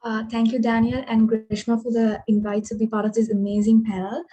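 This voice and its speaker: A woman from Sri Lanka introduces herself. Her voice is a little high but warm and mellow, with a narrow pitch range. She speaks in a polite, measured way. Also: little pitch movement. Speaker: panelist, trainer.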